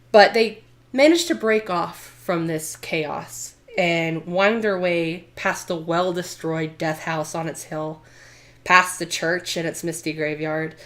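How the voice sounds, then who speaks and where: A woman's voice: lowish voice, fairly bright tone. A woman acting as game master, mixing improvised story narration with playful, theatrical, emphatic chat.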